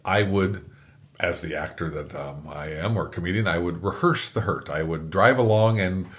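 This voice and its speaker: Middle-aged male comedian guest, lowish voice, candid self-deprecating storyteller who acts out dialogue. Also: moderate pace, fairly bright tone.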